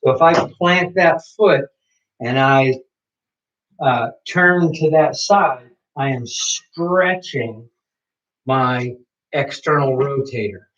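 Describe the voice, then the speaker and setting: Man calmly cueing a kettlebell workout. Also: medium pitch, slow pace, recorded from a distance. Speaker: kettlebell instructor. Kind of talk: instructing a workout. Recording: dull lo-fi sound.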